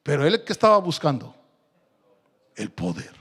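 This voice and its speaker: A man preaching an evangelical sermon, asking the congregation questions and swinging between loud and soft. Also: a little high, huge pitch swings, normal speed, breathy edge, in a large hall. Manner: rhetorical questions to the congregation, dramatic swings in loudness. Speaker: pastor.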